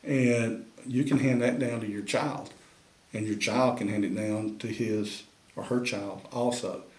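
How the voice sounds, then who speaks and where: A man's voice: fairly low pitch, fairly even intonation, measured pace, darkish tone, reverberant. A man giving a folksy, drawling tutorial on caring for turkey pot calls and calling y'all to the viewers. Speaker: turkey call maker and instructor. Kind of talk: demonstration tutorial.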